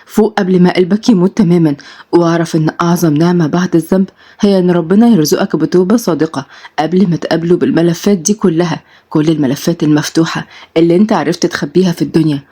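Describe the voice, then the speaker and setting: Egyptian woman narrator; rapid, earnest storytelling and preaching. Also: on the low side, husky. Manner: warm greetings, earnest preaching. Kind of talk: religious reminder and story narration.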